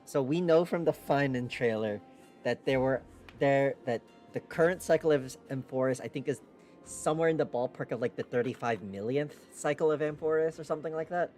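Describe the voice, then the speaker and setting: A woman's voice: extremely low pitch, a little fast, darkish tone, soft background music. A woman doing casual, joking, incredulous reaction commentary on a game's story as a streamer.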